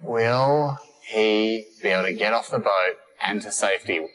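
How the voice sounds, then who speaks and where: Host guy, low-ish but bright and punchy, playing it up. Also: a little slow. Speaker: show host. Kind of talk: TV host banter.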